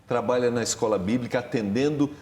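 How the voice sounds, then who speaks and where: Roomy-sounding male pastor hosting. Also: fast. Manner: warm, emphatic host with lively pitch rises. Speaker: pastor and program host. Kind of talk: religious TV studio talk. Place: TV studio. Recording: roomy studio with long reverb.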